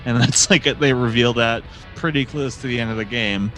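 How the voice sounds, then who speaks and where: A man on a podcast, talking in a chatty, critical way at a middling pitch, with quick asides. His voice is recorded on a podcast mic, and faint music plays behind him. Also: a bit bright. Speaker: podcast co-host. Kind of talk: casual chat.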